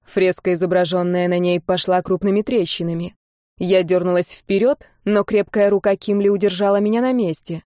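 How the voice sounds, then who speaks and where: A woman narrating a first-person fantasy audiobook in a steady, expressive reading. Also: on the low side, moderate pace, no echo, studio quality.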